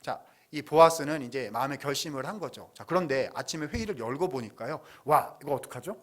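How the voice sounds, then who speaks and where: A male pastor preaching a sermon in a church, retelling a story with lively asides and frequent questions to the congregation. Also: mid-range voice, brisk. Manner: animated storytelling, asks congregation along.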